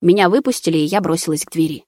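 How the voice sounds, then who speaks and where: A woman's voice: lowish voice, rapid-fire, warm tone, no echo, studio quality. A woman narrating a first-person story aloud in a tense, dramatic way. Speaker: audiobook narrator.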